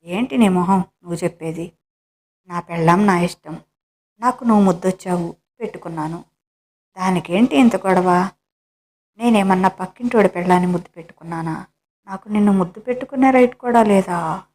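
A woman's voice: fairly low pitch, fairly quick, long pauses, a little mellow, close to an everyday voice. A woman voicing a playful middle-aged husband who coaxes and teases his wife in a storybook reading. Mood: teasing. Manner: coaxing, mock-wounded teasing.

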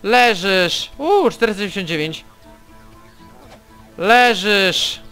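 Man, high bright clear voice, unhurried let's-play commentary, taunts foes, faint music under. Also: expressive. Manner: swears and taunts enemies while playing. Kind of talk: casual gameplay commentary.

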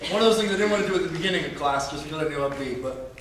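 A man's voice: fairly high pitch, rapid-fire, fairly bright tone. A man in his thirties, a professor talking informally to a class while in pain, his mouth numb and burning from spicy food. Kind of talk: informal demonstration talk to a class. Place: lecture hall, standing at the front. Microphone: distant camera microphone. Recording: echoey, noisy lecture hall from far off.

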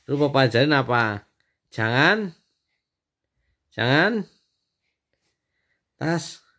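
A man, a father filming a home video and gently teasing his daughter. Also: medium pitch, very animated. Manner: teasing, coaxing, slow-spoken. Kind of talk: casual family home video.

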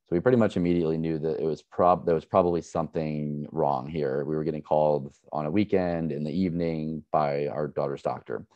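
Very deep-voiced man, earnest and measured. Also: fairly even intonation, no echo, muffled recording. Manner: earnest, measured, with frequent restarts and fillers. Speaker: parent speaker. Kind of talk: personal account at an education session.

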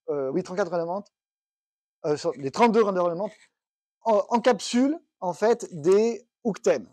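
A man's voice: high-pitched, a little mellow, no room sound. A man giving a technical conference talk, explaining step by step and thinking aloud with restarts. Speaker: conference speaker. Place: conference room.

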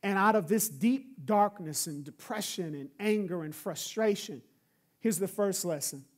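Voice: medium pitch, unhurried. A pastor preaching a sermon in an emphatic style, driving points home with repeated refrains.

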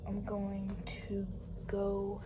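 A woman's voice: mid-range voice, monotone, drawn-out words. A young woman in her twenties giving casual, matter-of-fact vlog updates about her work day, often dropping to a half-whisper, filmed on a phone at arm's length in a small ship cabin. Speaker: cruise ship dancer vlogger. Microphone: phone held at arm's length. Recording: noisy phone vlog audio.

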